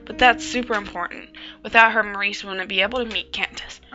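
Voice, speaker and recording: A woman's voice: medium pitch, fairly even intonation, fairly quick, pushed and bright, highs cut off, soft background music, close to an everyday voice. A woman voicing a shy, sincere girl who always speaks of herself in the third person. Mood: earnest. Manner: refers to herself by name.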